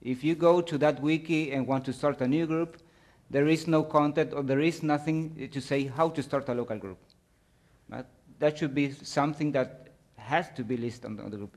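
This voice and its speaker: A man giving a technical presentation with slides, speaking in a halting way and often searching for words. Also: medium pitch, darkish tone. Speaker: conference presenter.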